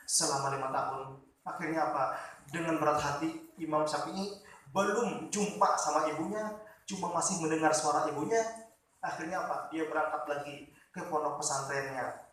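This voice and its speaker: A male religious teacher telling a moral story to boarding-school students in an animated, repetitive, emotive sermon style. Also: fairly high pitch. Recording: echoey hall, distant mic.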